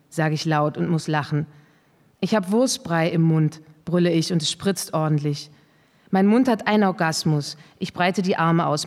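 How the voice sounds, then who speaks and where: A woman author reading her first-person story aloud at a live literary event, in a measured, unhurried way. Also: fairly low pitch, a little mellow. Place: event hall. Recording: reverberant hall.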